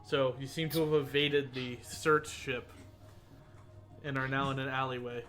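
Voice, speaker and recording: A man narrating a tabletop role-playing game as game master, relaxed and dotted with fillers. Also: medium pitch, unhurried, faint music behind. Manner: relaxed narration with fillers, occasionally loud bursts.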